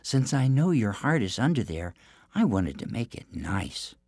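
A man voicing a young princess who is frightened but clever, speaking in a high, urgent, pleading way. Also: very animated, a little slow, a little mellow, slightly rough, no room sound, full character voice. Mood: coaxing.

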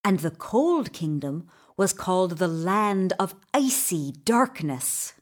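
A woman tells a children's story very slowly, her pitch moving animatedly as she stresses key words for dramatic effect. Her delivery is deliberate and expressive, suited to storytelling.

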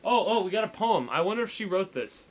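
A man's voice: high-pitched, expressive, fast talker, over a noisy crowd, poor audio. A young man hosting a casual podcast, rambling, stammering and reading posts aloud. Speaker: podcast host. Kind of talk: casual chat.

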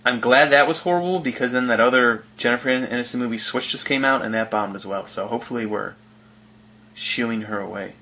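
A man co-hosting a casual podcast, his voice bright and forward. He talks with eager enthusiasm and teases his co-host often. His pitch sits at an ordinary middle. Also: brisk, a little hiss or hum. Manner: enthusiastic, joking and teasing. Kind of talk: casual chat.

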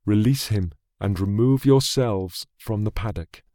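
A man's voice: fairly low pitch, measured pace, dark tone, dry recording, voice pushed down, natural voice. A headstrong young prince of a fantasy tale, voiced by a male narrator, proud and declaiming in a slightly lifted voice. The delivery is close, dry and studio-clean, as on an audiobook. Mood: calm, measured. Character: bold, stubborn young warrior prince.

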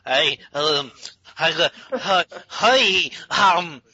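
Man, slow and sharp-toned, joking movie riffer on dull audio. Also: fairly high pitch, animated. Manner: jokey, does silly cartoon voices. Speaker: riffing commentator. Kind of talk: casual movie riffing.

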